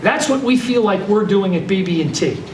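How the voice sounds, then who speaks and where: A high-voiced man emcees a ceremony in brisk, repeated short phrases. He sounds distant in an echoey room with faint noise. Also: animated. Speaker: bank executive. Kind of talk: emcee remarks.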